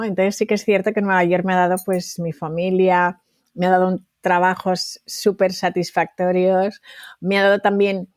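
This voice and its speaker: A woman's voice: fairly low pitch, no echo. Chatty Spanish woman, dry sound. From Valencia, Spain. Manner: warm, talkative, laughs easily. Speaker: guest, entrepreneur. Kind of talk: interview podcast.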